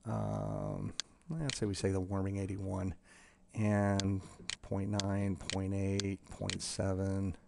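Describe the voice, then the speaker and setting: A man casually walking through a demo of his software tool, talking in a halting way with many ums and restarts. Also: low-pitched, completely flat delivery, gravelly, background noise.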